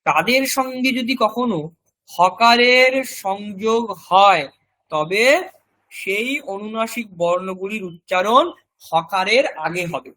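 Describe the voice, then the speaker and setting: A man, teaching a recorded language class. He explains step by step and repeats example words slowly so students can copy them. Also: high-pitched, bright, forceful tone.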